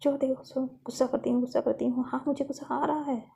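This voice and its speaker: A woman's voice: high voice, fairly even intonation, fast talker, gravelly, dark tone, breathy edge, full character voice. A woman voicing a hurt, angry young woman who lashes out and questions herself, in a read-aloud love story. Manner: bitter, outburst-prone, self-questioning. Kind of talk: storybook reading.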